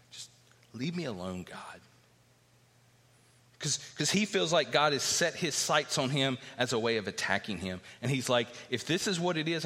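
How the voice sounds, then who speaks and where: A man preaching in a church hall, his bright, forceful voice carrying a long reverb tail. He reads scripture passages and then unpacks them, climbing in pitch when he drives a point home. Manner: expository preaching, reads scripture aloud, rises in pitch for emphasis. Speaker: pastor. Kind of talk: sermon.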